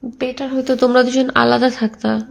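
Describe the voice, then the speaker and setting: Creaky, husky Bangladeshi woman on the phone. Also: high voice, flat delivery, a little fast. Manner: questioning and advising. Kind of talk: private phone conversation, giving advice.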